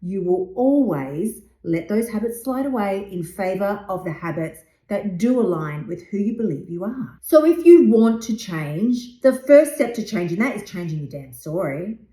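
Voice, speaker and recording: A woman's voice: mid-range voice, expressive, moderate pace, few pauses, mellow. A woman in her fifties hosting a motivational podcast, talking bluntly and emphatically and swearing freely. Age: 50s. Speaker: podcast host and weight loss coach. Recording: roomy echo.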